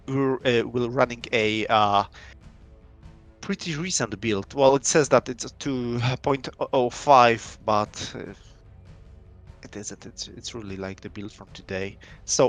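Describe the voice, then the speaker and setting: With a mid-range voice and a Polish accent, a young man from Poland presents his indie game on a live stream. English isn't his first language, and he rambles loosely, with many fillers and restarts.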